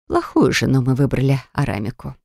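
A reader voicing a worried, gentle older wife and mother who speaks cautiously, in an audiobook. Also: medium pitch, fairly quick, vocal fry, no room sound, studio quality, natural voice. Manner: cautious, soft-spoken. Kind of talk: audiobook character voice.

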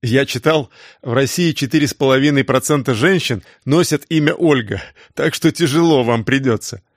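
A man reading the part of a brash, mocking older brother who flares into loud, exasperated outbursts. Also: medium pitch, moderate pace, dry recording, studio quality, lightly acted.

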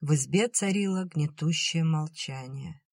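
An audiobook narrator reading a literary novel in an even, measured way. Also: mid-range voice, no room sound.

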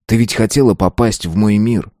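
A man voicing an arrogant, brutal young man who talks gruffly and scornfully. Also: fairly low pitch, steady tone, moderate pace, darkish tone, no echo, studio quality, close to an everyday voice. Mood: cold brooding.

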